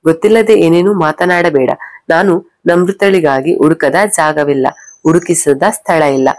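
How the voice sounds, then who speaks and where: A woman's voice: low-pitched, unhurried, a little mellow, no room sound. Woman voicing a grieving husband, emotional. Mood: defensive. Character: husband grieving his missing first wife.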